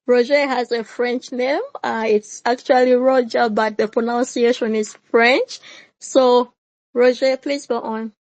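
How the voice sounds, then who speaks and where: A woman's voice: fairly high pitch, fairly even intonation, a little slow, a little mellow, no echo, lo-fi sound. Formal woman hosting a panel. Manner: formal, reading prepared introduction. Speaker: host, moderator.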